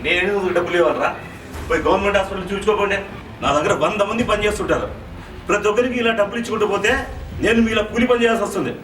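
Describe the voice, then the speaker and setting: An actor playing an arrogant rich employer who talks in a scornful, dismissive way. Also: male voice, sits high, racing, fairly bright tone, roomy sound, recorded from a distance, slight background noise, poor audio. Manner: scornful, brushing others off. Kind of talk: short film acting.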